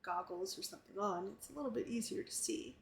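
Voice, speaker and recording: A woman casually recapping a tabletop game session in a relaxed, rambling way with fillers. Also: medium pitch, quick pace, vocal fry, a little hiss or hum. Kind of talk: casual chat.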